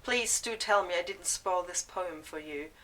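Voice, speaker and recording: A woman calmly walking through a close reading of a poem, in a measured, explanatory way. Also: fairly low pitch. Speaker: video blogger explaining a poem. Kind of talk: scripted literary analysis. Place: school building indoors. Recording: echoey room.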